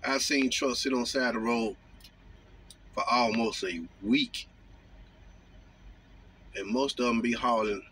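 A man talking casually from his parked truck cab, drawling and mocking with slow, emphatic phrases, recorded on a phone on the dashboard. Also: medium pitch, fairly even intonation, bright, forceful tone, a little hiss or hum. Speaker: truck driver vlogger. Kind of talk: casual monologue.

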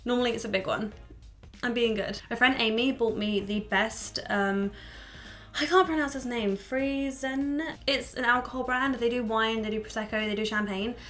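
A woman in her twenties, a YouTuber, chats candidly to camera from a small room at home, swearing freely and sounding a little stuffy from a cold. Her voice is on the high side and fairly bright, with fairly even intonation and a moderate pace. Faint music plays behind her.

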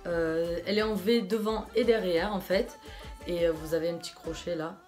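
A woman's voice: lowish voice, steady tone, normal speed, a little mellow, faint music behind. A young woman from France chatting casually through a clothing try-on haul, enthusiastic and full of fillers. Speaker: fashion vlogger.

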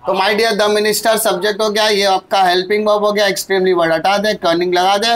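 A man's voice: sits high, flat delivery, a bit bright. A male grammar teacher with an Indian accent, explaining English in a mix of Hindi and English. He is chatty and playful, calls students "my dear," and asks his own questions before he answers them. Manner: spells out letters and words slowly, one at a time.

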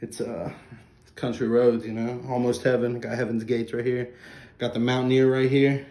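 Filming on a handheld phone, a young man from West Virginia gives an eager, wandering tour of his home sports fan room, full of fillers. His voice is medium-pitched, mellow and fairly flat, at normal speed, and the room echoes with faint background ambience.

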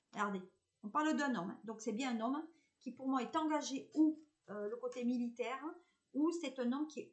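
High-voiced southern French woman medium. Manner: chatty and reassuring, hesitant with many fillers. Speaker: medium giving a tarot reading. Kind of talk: live-streamed card reading, chatting with viewers.

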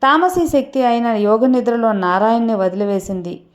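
A woman storyteller narrating a devotional mythological tale in a slow, deliberate way. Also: on the high side.

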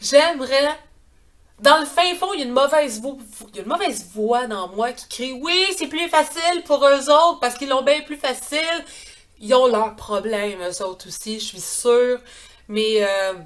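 A woman in her thirties speaks with a Quebec French accent, in a somewhat high voice. She talks earnestly and a little hesitantly to a webcam up close, filling pauses as she goes. The sound is a home recording from a small hallway. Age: 30s. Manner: earnest, hesitant with many fillers. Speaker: vlogger. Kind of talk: casual chat to camera. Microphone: webcam at close range.

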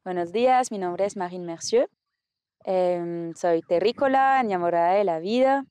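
A French woman in her thirties, a landscaper and environmental activist, speaking earnestly outdoors in a documentary interview, pausing often with fillers. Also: lowish voice, loud music behind the voice. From France. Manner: earnest, hesitant with many fillers. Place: outdoors in hilly countryside.

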